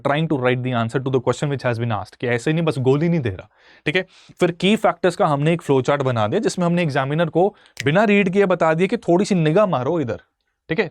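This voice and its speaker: A man's voice: on the high side, dry recording, studio quality. A young man teaching exam answer writing, mixing English phrases into his speech. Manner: mixes English phrases into his speech, asks "theek hai" often. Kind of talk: explaining answer writing in a lesson.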